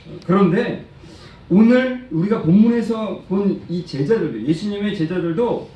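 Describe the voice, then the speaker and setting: A man's voice: a little high, mellow. A man preaching a sermon to children and adults, quizzing the congregation and acting out quotes. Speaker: preacher and praise-song lyricist. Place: church sanctuary. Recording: echoey church hall, distant mic, faint noise.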